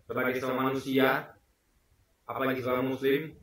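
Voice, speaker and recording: A man's voice: medium pitch, level tone, moderate pace, a bit bright, very echoey, far from the mic, poor audio. A man in his forties from Indonesia, talking earnestly to camera in a casual vlog, stressing and repeating his points. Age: 40s. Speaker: vlogger. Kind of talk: casual spoken commentary to camera.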